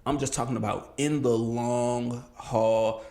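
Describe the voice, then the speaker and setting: Earnest gravelly man hosting a podcast. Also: medium pitch, steady tone, takes it slowly, a little mellow, roomy sound. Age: 30s. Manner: earnest, candid, reflective with bursts of emphasis. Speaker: podcast host. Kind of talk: casual solo podcast monologue.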